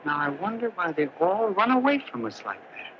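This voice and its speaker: A meek, gentle tailor with a highish, lilting voice that swoops about as he coaxes and soothes. It comes from a dull, hissy old film soundtrack in 1950s movie style. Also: sing-song, normal speed. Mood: coaxing. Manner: soft, coaxing and cajoling, talks baby-talk to the lion.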